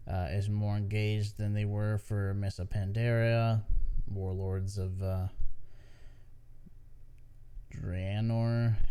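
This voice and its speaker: Sleepy guy, mellow tone, rambles thru gaming news w lots of ums. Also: on the low side, clear, resonant tone. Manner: rambling, many fillers and restarts. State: tired, yawning. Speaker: podcast host. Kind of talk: casual gaming news chat.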